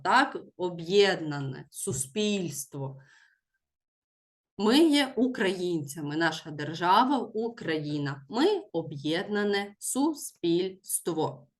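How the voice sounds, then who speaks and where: A woman teacher leads a school lesson at an unhurried pace. She speaks deliberately and stresses each word so children can write it down, in a voice of ordinary pitch. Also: fairly bright tone. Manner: slow, deliberate, stresses words for dictation.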